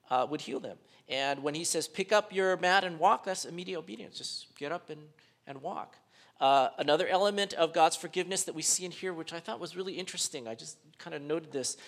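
A pastor preaching in a conversational, unpolished way, his slightly high voice full of fillers and self-corrections. He acts out quoted speakers, often sinking to a quieter, lower voice for emphasis. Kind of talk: sermon.

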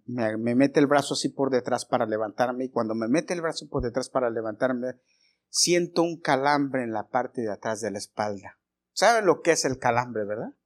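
A male pastor giving a storytelling sermon, addressing the congregation as brothers and growing emphatic as he preaches. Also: mid-range voice. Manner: personal anecdote, addresses congregation as brothers, grows forceful and emphatic.

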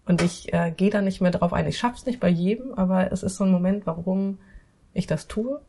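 A woman photographer telling an interview story in lively conversation, acting out her own thoughts with many restarts. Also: on the low side, fairly quick.

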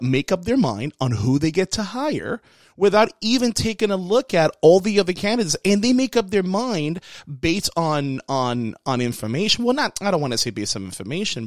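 A man's voice: high voice, no room sound, studio quality. A man hosting a casual commentary with practical tips, speaking earnestly to his listeners and repeating phrases for stress. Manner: conversational, addresses listeners directly as folks. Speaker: host giving workplace hiring advice.

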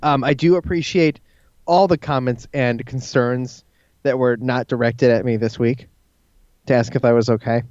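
A man's voice: medium pitch, fairly even intonation, a little mellow, no room sound. Dull, dry-sounding man hosting a podcast. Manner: halting, repeats words as he goes. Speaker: podcast host. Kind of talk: casual banter between co-hosts.

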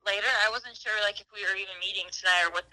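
A woman's voice: medium pitch, fairly even intonation, very fast, dry recording. A woman calling in on speakerphone, chatting casually and unsure, asking questions. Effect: heard over a speakerphone call. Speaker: caller. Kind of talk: casual phone chat. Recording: quiet and far off through a phone speaker.

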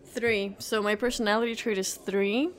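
A woman's voice: mid-range voice, steady tone, normal speed. A woman playing a tabletop game, talking in a thoughtful way. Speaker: player.

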